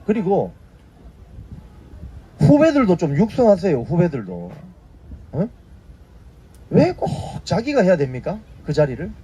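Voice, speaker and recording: A man's voice: sits high, wildly swooping pitch, a little slow, long pauses, warm tone, slight background noise. A man in his fifties hosting a casual news briefing, prodding his viewers with short tag questions. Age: 50s. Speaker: YouTube news briefing host. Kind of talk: casual spoken commentary.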